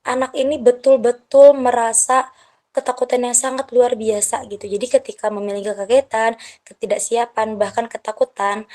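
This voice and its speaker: A woman's voice: fairly high pitch, level tone, normal speed, darkish tone. A woman teacher, methodically walking parents through a numbered checklist in a lecture.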